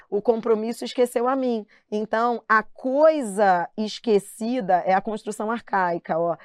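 A middle-aged woman with a Brazilian Portuguese accent teaching a live online grammar lesson, chatty and lively, playfully mimicking her students. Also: medium pitch, clear, resonant tone, dry recording, studio quality.

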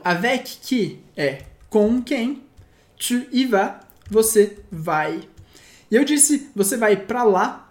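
A woman teaching a language lesson, explaining patiently and slowing down to read each example sentence. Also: medium pitch, darkish tone. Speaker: French teacher. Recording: echoey room.

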